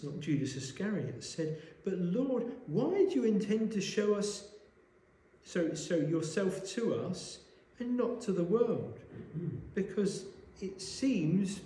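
A man preaching a sermon, explaining a Bible passage in a measured way and asking rhetorical questions, recorded in a church. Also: sits high, warm tone, slight background noise. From Wales. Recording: echoey church room.

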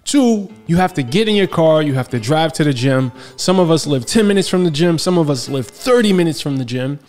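A fitness coach in his thirties with a slightly high voice talks up home gym gear in a lively, slangy way. He is filmed at full-body distance in an indoor home gym room. Light background music plays under his voice. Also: a little fast, roomy sound. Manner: hyped, slangy, energetic pitch. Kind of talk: sponsored product review vlog.

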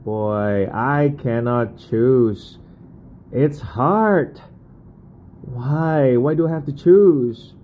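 In a small restaurant, a man in his forties films a casual food vlog, his medium-pitched, dark voice captured on a rough recording with restaurant noise behind him. He is enthusiastic, savoring each bite with drawn-out exclamations.

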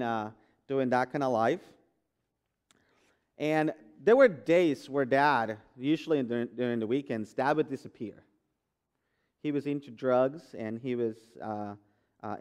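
Pastor, smooth clear voice. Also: male voice, mid-range voice. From Guatemala. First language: Spanish. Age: 30s. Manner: conversational, frequent fillers and restarts. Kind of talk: sermon testimony. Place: church sanctuary.

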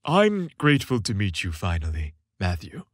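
A man voicing a jovial, fatherly old Santa Claus from a storybook, hearty, measured and commanding. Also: lowish voice, wildly swooping pitch, no echo, studio quality, pitched below the performer's own voice. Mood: warm.

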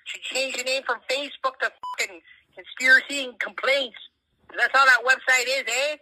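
A man's voice: very high-pitched, fairly even intonation, moderate pace, pushed and bright, exaggerated voice, low-quality recording. A man voicing a blunt, folksy, foul-mouthed Canadian uncle leaving a comedic voicemail, heard through a phone speaker. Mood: grumbling. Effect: phone voicemail playback. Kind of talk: comedic phone message monologue.

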